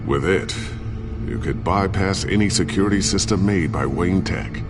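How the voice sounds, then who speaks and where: An actor playing an urgent, businesslike tech expert who helps a vigilante in a video game, speaking precisely. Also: male voice, deep voice, normal speed. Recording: loud music and car noise behind.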